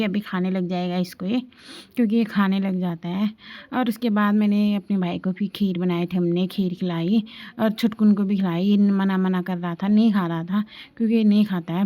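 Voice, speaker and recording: Young woman vlogger, mellow and relaxed tone, chatty narration for her followers. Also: mid-range voice, moderate pace. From Indian hills. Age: young adult. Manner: chatty, showing and explaining to viewers. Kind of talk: casual family vlog narration.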